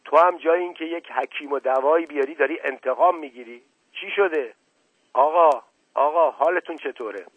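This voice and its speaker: A man's voice: medium pitch, husky, dry recording, close to an everyday voice. A man playing a witty, bossy aristocrat. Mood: teasing, urgent. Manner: teasing, commanding. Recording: narrow phone-like band, dry.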